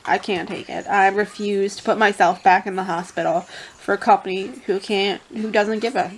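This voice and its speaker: A woman's voice: medium pitch, fairly even intonation, moderate pace. A young woman telling a vlog audience about a stressful day at work, emotional and rambling, close to tears. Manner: emotional, tearful, rambling with restarts. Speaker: vlogger. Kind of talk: casual confessional vlog.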